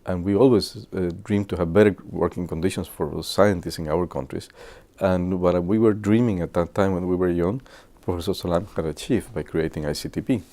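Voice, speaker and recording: A man in his sixties from Guatemala, speaking English, shares memories with students in a halting way, full of filler pauses. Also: low voice, fairly even intonation, dark tone. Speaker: physicist. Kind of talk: reminiscing talk to students.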